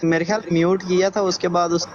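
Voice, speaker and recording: टूटती-कटती call आवाज़ में आदमी. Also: male voice, sits high, little pitch movement, a little fast. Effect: choppy call audio that keeps cutting out. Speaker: caller on a live stream. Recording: dull lo-fi online call with faint noise.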